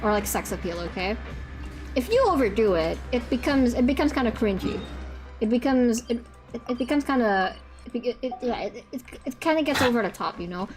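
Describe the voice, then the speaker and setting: On a live reaction stream, a young adult non-binary streamer with a higher-pitched voice keeps things casual, stammering through restarts while laughing often and swearing freely.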